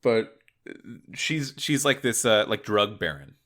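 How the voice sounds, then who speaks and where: A man talks as a podcast co-host. He explains at length in a casual, halting way, looping back as he goes. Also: on the low side, sing-song, fairly bright tone. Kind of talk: casual game discussion.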